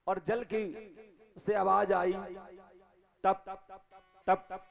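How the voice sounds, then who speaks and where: A high-pitched man tells a sacred story as a sermon, unhurried and deliberate, acting out the figures as he goes. Instrumental music plays clearly behind him throughout. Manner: dramatic storytelling, acting out the figures' lines and breaking into song. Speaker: katha preacher. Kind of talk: devotional scripture storytelling sermon with sung bhajan. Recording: live music accompaniment behind voice.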